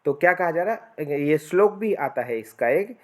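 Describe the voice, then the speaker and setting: A man's voice: a little high, expressive. A man teaching Sanskrit grammar in a spoken classroom lecture. He keeps checking in with "है ना" and "ठीक है" and draws out the sutras and vowel lengths in a chant. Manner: slow explanatory delivery with frequent "है ना" and "ठीक है" check-ins.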